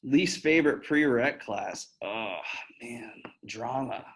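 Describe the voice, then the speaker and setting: A man's voice: medium pitch, slow pace, vocal fry, fairly bright tone, breathy edge, poor audio. A man in his thirties, a physician talking casually to pre-med students and answering their questions in a candid, chatty way with plenty of fillers and restarts. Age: 30s. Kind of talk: casual Q&A talk.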